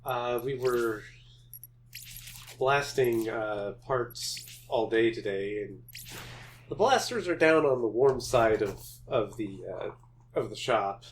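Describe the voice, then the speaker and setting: A man's voice: medium pitch, slow, a little hiss or hum, rough recording. A man doing a speedrun, chatting casually and calling out his progress in the game. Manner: calls out game progress between chatty asides. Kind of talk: casual chat while playing.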